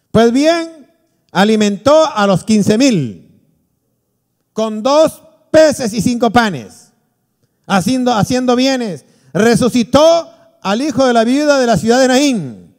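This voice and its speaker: A man, a pastor, preaching a sermon, animated, acting out quotes from the people in his stories. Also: sits high. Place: church hall. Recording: long church reverb.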